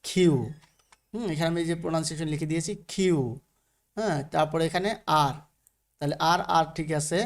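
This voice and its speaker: A man's voice: a little high, quick pace. A man with a Bangladeshi Bengali accent teaching English letter sounds in a recorded lesson, patiently repeating each letter with frequent fillers.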